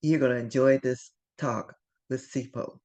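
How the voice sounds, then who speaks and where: A woman's voice: a bass voice, fairly even intonation, measured pace, darkish tone. A woman from Ohio hosting an interview, affirming her guest and laughing along. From Dayton, Ohio. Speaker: host.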